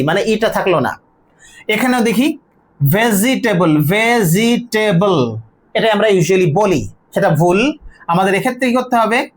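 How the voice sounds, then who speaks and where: A teacher giving a spoken grammar and pronunciation lesson, explaining step by step, asking questions and answering them, and saying model words slowly and drawn out. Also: mid-range voice. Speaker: English teacher.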